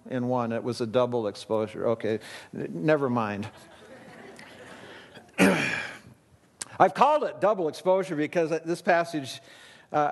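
A man's voice: a little high, in a large hall. Man preaching at a pulpit microphone. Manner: conversational preaching with easy asides. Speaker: pastor. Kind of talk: sermon.

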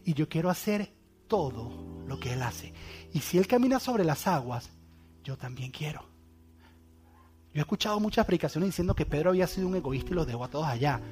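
High-voiced dramatic preacher man. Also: big pitch swings, brisk, soft background music. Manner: dramatic, shifts from loud emphasis to hushed near-whispers. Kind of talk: sermon.

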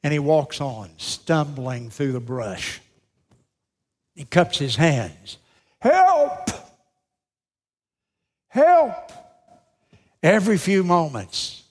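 A middle-aged male pastor preaching a sermon, swinging between loud, emphatic lines and hushed, slowed-down phrases. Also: fairly high pitch. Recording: long reverb of a large hall.

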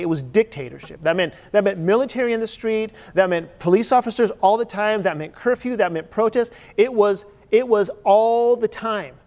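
A man's voice: high voice, darkish tone. Man, 40s, raised in Chile, pastor, earnest conversational sermon, ringing hall echo. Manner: earnest, searching, conversational preaching with many rhetorical questions.

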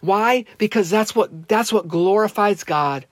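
Earnest pastor preaching with slow emphasis. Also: male voice, high voice, no room sound. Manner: earnest and emphatic, with deliberate slowed-down stresses; repeats phrases for emphasis. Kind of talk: sermon.

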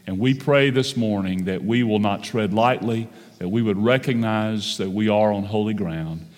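A pastor preaching a sermon at a pulpit microphone in a church sanctuary, speaking in a measured way, slowing down on key phrases and often saying "uh" and "um". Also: male voice, fairly low pitch, darkish tone. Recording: long church hall reverb.

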